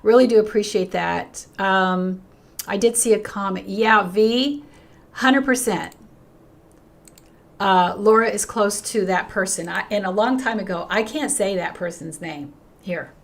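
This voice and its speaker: An older woman pastor hosts a livestream in a medium-pitched voice at a measured pace, reading viewer comments aloud as her voice gives out. She talks earnestly and emphatically, restarting often, and her tone lifts brightly whenever she greets viewers in this unscripted chat-reading session.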